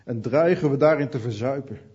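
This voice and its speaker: A man's voice: medium pitch, fairly quick, mellow, slightly rough, dull audio. A man preaching an earnest sermon, speaking directly to his listeners.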